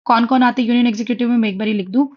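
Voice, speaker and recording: Here a young woman races through an online exam-prep lecture in a fairly high, steady voice, and the recording is muffled. She teaches in a Hindi-English mix while writing on a tablet, sounding chatty and reassuring and asking "theek hai?" again and again.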